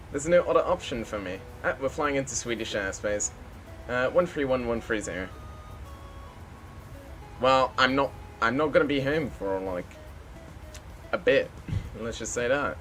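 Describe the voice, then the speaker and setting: A man's voice: medium pitch, bright, forceful tone. A man live-streaming a flight simulator, chatting casually and making the odd pilot radio call.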